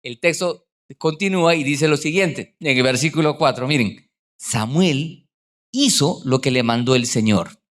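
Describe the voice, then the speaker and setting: A man's voice: medium pitch, measured pace, fairly bright tone. A middle-aged man, a pastor preaching a sermon in a conversational way and putting questions to the congregation.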